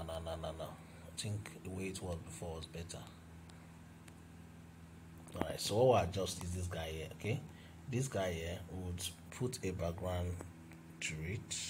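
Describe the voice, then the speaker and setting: A man's voice: low voice, fairly even intonation, normal speed, pauses often, background noise. A man walking through a graphic design tutorial step by step as he works on screen, with fillers and restarts. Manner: talks through each step while working, with fillers and restarts. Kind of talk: screen-recorded software tutorial.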